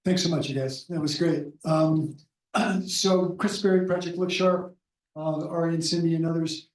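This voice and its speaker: A man with a slightly raised pitch lays out a thoughtful comment from the audience in long, winding sentences. He sounds far from the microphone, and the sound carries a clear room echo. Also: fairly even intonation, moderate pace. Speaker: audience member asking a question. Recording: echoey, distant audio.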